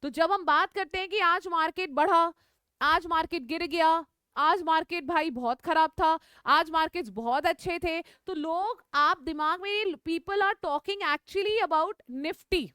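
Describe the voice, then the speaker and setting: A woman teacher leads a live online class, switching between explanation and quick questions to her students. Her voice is very high and bright. The sound is dry and close. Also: no room sound. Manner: repeats key points, checks in with students; mixes English phrases into Hindi.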